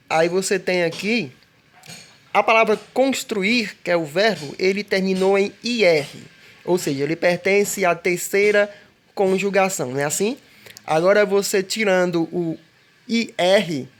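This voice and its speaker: A teacher giving a recorded grammar lesson, explaining patiently and repeating checks for understanding. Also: mid-range voice. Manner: patient, repetitive explaining with frequent "né?" and "ó".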